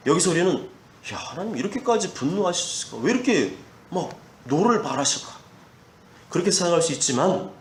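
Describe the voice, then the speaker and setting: A man's voice: on the high side, slight background noise. A male pastor preaching a Sunday sermon, building his points through emphatic repetition. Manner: preaching with emphatic repetition, acting out quoted parents. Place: church sanctuary. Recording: echoey church hall, faint ambience.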